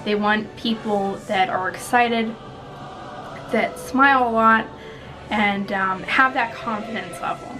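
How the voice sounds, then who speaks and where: A woman in her 20s, a vlogger, chats casually to the camera from a small indoor room at home, giving interview tips in a rambling, giggly way. Her mid-range voice is slow, with music in the background and a rough recording.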